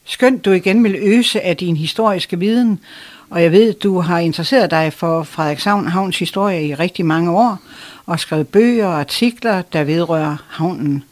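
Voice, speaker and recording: A host reading a scripted introduction and then asking a historian questions in a clear, measured way. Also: mid-range voice, dry recording.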